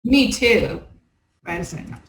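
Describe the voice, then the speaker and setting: A woman's voice: medium pitch, big pitch swings, measured pace, creaky, slight background noise. Giggly woman playing a game in an echoey room. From Pacific Northwest. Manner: giggly, often laughing. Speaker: co-host and player. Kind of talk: casual chat.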